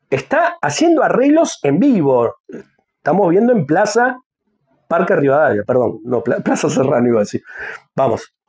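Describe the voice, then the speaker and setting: A man's voice: high-pitched, darkish tone. A man with an Argentine Spanish accent, casually commenting on a music video and talking straight to his viewers. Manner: chatty, talks to viewers, hums and sings snippets. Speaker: music reaction youtuber. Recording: faint music playing behind.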